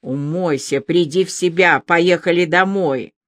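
A man's voice: fairly high pitch, a little slow, a bit bright, dry recording, studio quality. A reader voicing an angry, commanding man who speaks harshly and cuttingly. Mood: cold.

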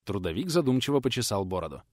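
A man reading an audiobook aloud with a lively, animated pitch. He drops into rustic, old-fashioned character voices for the dialogue. The recording is close and dry, with no room sound. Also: quick pace, dry recording. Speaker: audiobook narrator. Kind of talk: audiobook narration with acted dialogue.

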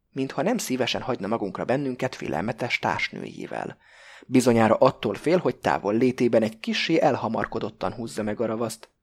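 A man reading a novel aloud in first person, in a measured and even way. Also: mid-range voice. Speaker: audiobook narrator. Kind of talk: first-person literary narration.

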